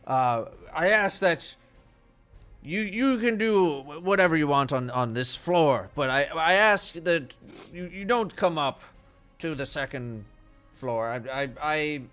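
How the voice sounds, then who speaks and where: A man voicing a hesitant, apologetic giant in a tabletop game, halting and stammering as he repeats himself. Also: on the high side, expressive, fairly bright tone, smooth, faint music behind, voice pushed up. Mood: polite, halting. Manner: halting, stammering, repeats words, drawn-out polite phrasing. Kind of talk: tabletop role-play acting.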